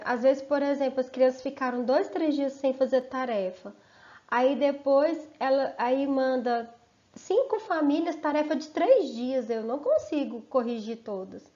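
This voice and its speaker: Slow, careful schoolteacher woman. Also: high-pitched, dark tone, highs cut off. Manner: slow, careful, stretches out sounds and syllables. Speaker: primary school teacher. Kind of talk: slow remote lesson for children and families.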